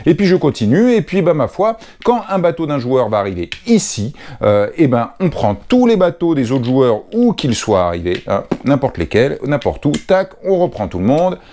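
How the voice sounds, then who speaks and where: A man's voice: mid-range voice, moderate pace, hardly any pauses, slight background noise. A French man explaining a board game's rules in a chatty way, with many hesitations. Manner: chatty, lively, with frequent hesitations. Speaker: board game reviewer.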